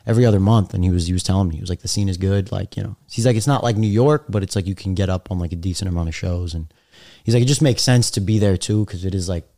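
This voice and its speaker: A man's voice: low voice, fast, dark tone. A young man chatting casually as a podcast guest, with slangy, laid-back frat bro talk full of "dude" and "like". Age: young adult. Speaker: guest stand-up comedian on a podcast.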